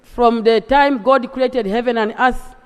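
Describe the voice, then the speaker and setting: A woman's voice: fairly high pitch, steady tone, unhurried, clean tone. A woman from eastern Uganda with a Ugandan accent, giving an impassioned, emphatic speech as a legislator in a parliamentary debate. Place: large assembly chamber. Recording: long reverb of a large chamber.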